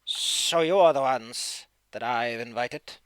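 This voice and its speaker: A man voicing a grave, eerie woman leader in a tabletop game, with a crackly voice and slow, formal, ominous delivery. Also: medium pitch, clean tone, no room sound, natural voice. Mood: imperious.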